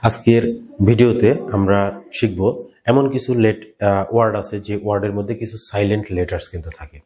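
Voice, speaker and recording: A man with a Bangladeshi Bengali accent teaching an English lesson, repeating key words and slowing down to pronounce examples. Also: lowish voice, fairly even intonation, mellow. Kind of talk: explaining a grammar lesson.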